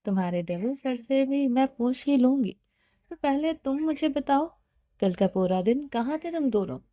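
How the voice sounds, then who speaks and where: A stern, demanding young wife, as a woman narrator reads her presses question after question in a storybook reading. Her voice sits high but mellow, with dry, close sound. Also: animated, no echo. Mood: insistent.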